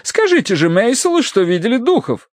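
A swooning, melodramatic society lady, as a male audiobook reader puts her on, fluttery and theatrical, stretching her words out. The voice is pitched far above the reader's own and swings widely, recorded close and dry. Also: very animated, no echo. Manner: fluttery, theatrical, drawn-out sighs. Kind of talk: audiobook character voice.

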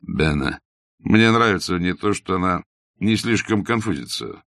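A man's voice: low-pitched, big pitch swings, moderate pace, gravelly, fairly bright tone, dry recording, studio quality, heavily acted. A man voicing a blunt young doctor who is curt, ironic and matter-of-fact in an audiobook. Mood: wry. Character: blunt young male doctor, mocking and self-assured.

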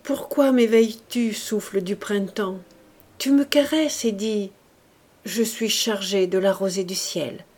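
A woman's voice: medium pitch, very slow, hardly any pauses, a bit bright. Anguished young lover, read by a woman, impassioned declaiming, storybook reading, music behind. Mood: mournful.

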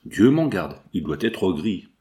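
A man's voice: low-pitched, sing-song, a little slow, warm tone. Man doing a young baron, earnest and a bit defensive, voice goes up and down a lot. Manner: earnest, protesting. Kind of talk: audiobook character reading.

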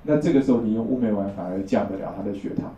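Rapid-fire and warm, a lowish male voice lectures on traditional Chinese medicine, breaking ideas down step by step and frequently asking for his listeners' agreement. It's a classroom talk captured in a distant, roomy lo-fi recording with slight background noise.

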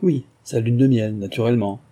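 An imperious society hostess speaks quick and emphatic, her voice lifted and pushed forward, as a man puts her on in a storybook. Beneath it the tone stays dark and husky. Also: medium pitch, lightly acted. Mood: impatient.

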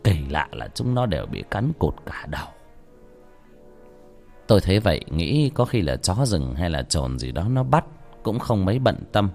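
A man reading a horror story aloud, with dramatic shifts of pitch for tension. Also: very animated, moderate pace, vocal fry, darkish tone, faint music behind. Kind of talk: scripted horror story narration.

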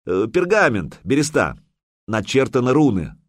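A man's voice: mid-range voice, big pitch swings, moderate pace, voice pushed up. A man reading a wry young captive. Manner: wry, offhand. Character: young male captive, wry and quick-witted.

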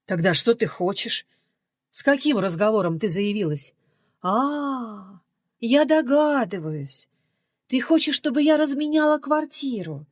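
A woman reading an audiobook, voicing an indignant middle-aged mother who scolds her daughter in loud, rising outbursts, recorded dry and close. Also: a little high, very animated, unhurried, no echo. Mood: scolding.

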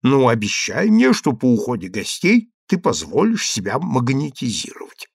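A man's voice: medium pitch, wildly swooping pitch, normal speed, gravelly, husky, no room sound, clean studio sound, exaggerated voice. A man reading a story aloud and voicing a domineering middle-aged husband who first coaxes his wife and then threatens her angrily. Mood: coaxing. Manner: coaxing, then loud and threatening.

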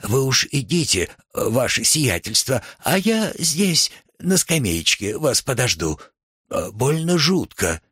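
A man's voice: medium pitch, very animated, slow, fairly bright tone, breathy edge, no room sound, clean studio sound, pitched above the performer's own voice, heavily acted. A man voicing a fat, timid middle-aged man who babbles and cringes. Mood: fawning.

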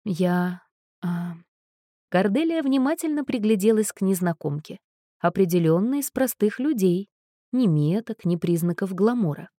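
A woman narrating an audiobook story in a measured, expressive reading. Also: mid-range voice, no echo, studio quality. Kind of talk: scripted narration.

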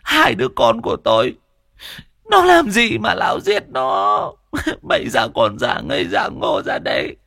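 A man's voice: medium pitch, huge pitch swings, measured pace, vocal fry, bright, forceful tone, dry recording, clean studio sound, voice pushed up, exaggerated voice. A man voicing a grieving village woman who screeches furious accusations in a ghost story. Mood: shrieking rage.

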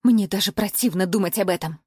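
A woman's voice: mid-range voice, fairly quick, darkish tone, breathy edge, no room sound, studio quality, lightly acted. A woman voicing an anxious, overprotective middle-aged mother who scolds her daughter in an audiobook. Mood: accusing.

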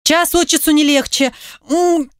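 A brash young woman yelling rudely into the phone, her voice pitched high and sharp with impatience, as a woman narrator puts her on. The reading sounds close and dry, as in an audiobook studio. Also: lively intonation, fairly quick, no echo. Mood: shouting, irritated. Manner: shouting, rude and impatient.

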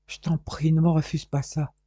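A man's voice: fairly high pitch, level tone, normal speed, warm tone, dry recording, close to an everyday voice. A man voicing a heartbroken, lovesick young man who pleads and despairs. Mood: pleading.

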